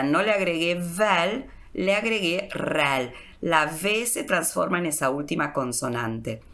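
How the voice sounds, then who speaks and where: A woman teaches a language on the radio. She speaks at an unhurried, drawn-out pace in a low register. She repeats each example word patiently, several times over. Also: pushed and bright.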